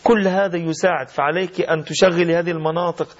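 Male radio health host, quick and fluent, explanatory, muffled broadcast sound. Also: fairly high pitch, steady tone. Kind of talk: call-in health advice. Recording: dull lo-fi radio audio.

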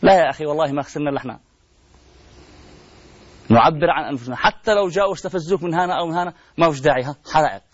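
Racing along and pausing often, a man hosting a TV program makes a fervent appeal built on pleading rhetorical questions and repeated refrains. His voice is a little high and slightly rough, carried on dull lo-fi broadcast audio.

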